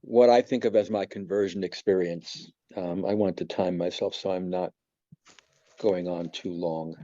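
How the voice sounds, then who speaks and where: A man in his seventies from New York, telling a personal faith testimony in a reflective, halting way with many pauses. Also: sits low, fairly even intonation, warm tone, no room sound, muffled recording. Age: 70s. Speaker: church member giving testimony.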